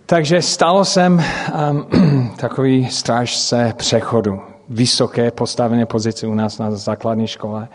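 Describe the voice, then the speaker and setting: A middle-aged man, a native English speaker speaking with an English-speaking accent, preaches through personal stories, haltingly searching for words and making grammatical slips. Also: medium pitch, fairly even intonation. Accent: English-speaking accent in Czech. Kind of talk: sermon with personal storytelling. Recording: long hall reverb.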